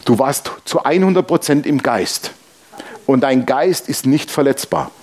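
A man preaching a sermon in a lively storytelling manner, acting out bits of dialogue. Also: mid-range voice, measured pace. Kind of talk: sermon with anecdote.

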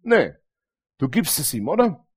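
A man's voice: a little high, measured pace, breathy edge. A middle-aged man preaching a sermon, telling stories animatedly and calling out Amen to the congregation. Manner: animated, storytelling, frequent Amen calls to the congregation.

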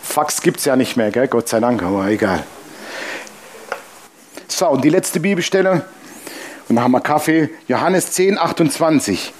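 A man's voice: moderate pace, pauses often, a little hiss or hum. A man preaching to his congregation as pastor, blunt and colloquial, acting out the voices in the stories he tells. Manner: animated storytelling, acting out dialogue with shifting pitch. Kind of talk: sermon.

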